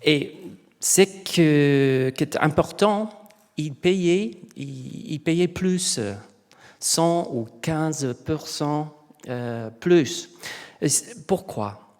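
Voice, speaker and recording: A middle-aged man, a native English speaker with a foreign English accent in French, giving an informal conference talk and haltingly searching for words. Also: on the high side, a little mellow. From England. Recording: long hall reverb.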